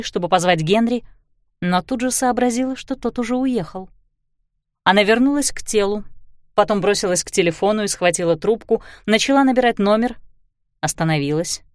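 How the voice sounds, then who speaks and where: A woman narrating a story with expressive, scripted delivery. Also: mid-range voice, no room sound, studio quality.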